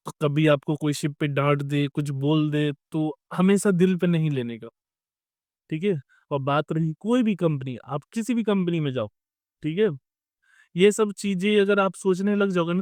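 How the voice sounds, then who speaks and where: A young man with a somewhat high voice, recorded dry and at studio quality, speaks as a merchant navy officer offering advice. He tells a casual story about life at sea, peppering it with "theek hai" and "matlab" along the way.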